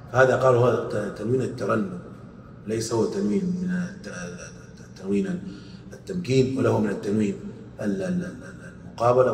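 A man teaching grammar in a lecture, asking questions and answering them himself, repeating quoted verses slowly. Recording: echoey hall, distant mic, faint rumble.

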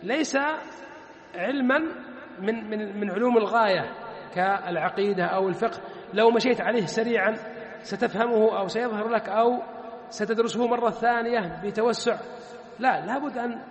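A man gives a classroom lesson in a very high voice, spelling out forms one by one and answering his own questions. His voice rings around a roomy space with a long trailing reverb. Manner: repeats words slowly, asks and answers his own questions. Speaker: teacher of Arabic morphology. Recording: echoey room with long reverb.

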